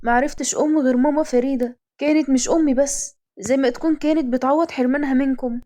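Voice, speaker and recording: A woman with an Egyptian accent voicing a gentle young woman who speaks softly and earnestly. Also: high voice, steady tone, fast talker, natural voice.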